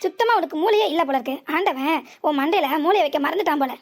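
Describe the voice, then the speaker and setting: A woman playing a cartoon mother, furious village mom, shrill berating tone, rapid-fire delivery. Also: expressive. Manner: shrill, berating, lamenting scolding. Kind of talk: cartoon serial voice acting.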